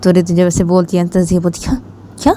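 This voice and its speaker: A woman's voice: fairly low pitch, completely flat delivery, fast, mellow. A woman storyteller narrating a romance story in a casual, repetitive way.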